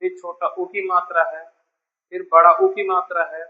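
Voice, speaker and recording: A man's voice: sits high, level tone, moderate pace, narrow, tinny audio. A man teaching a beginner English lesson, patiently repeating each point and calling his students dear children. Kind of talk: classroom lesson explaining spelling.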